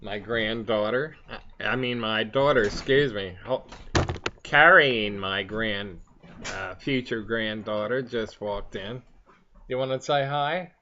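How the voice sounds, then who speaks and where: An older man chatting casually in a rambling, halting way, talking around the pipe he is puffing on. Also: lowish voice, pushed and bright, slight background noise. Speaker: vlogger. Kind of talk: casual chat to camera. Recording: dull, lo-fi sound.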